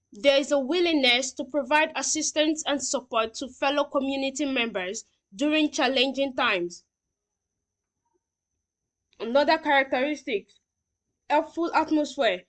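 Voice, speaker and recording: A female teacher with a high voice reads out lesson points and explains them in simple terms, frequently checking that learners are following.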